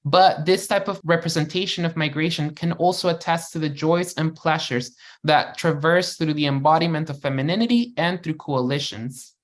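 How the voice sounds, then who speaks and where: Speaker reading a formal academic paper. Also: mid-range voice. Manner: measured, formal delivery. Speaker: panel speaker. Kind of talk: reading a prepared academic talk.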